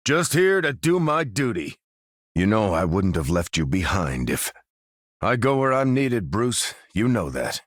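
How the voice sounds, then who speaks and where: Captain America, a dynamic commanding soldier. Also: male voice, on the low side, very animated, unhurried, no room sound, studio quality. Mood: grave, firm. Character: dutiful, resolute male soldier commanding a superhero team. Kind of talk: video game character voice lines.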